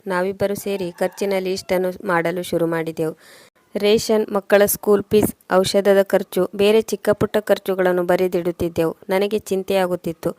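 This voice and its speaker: A woman narrating a story in steady scripted storytelling. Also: medium pitch, normal speed, no room sound.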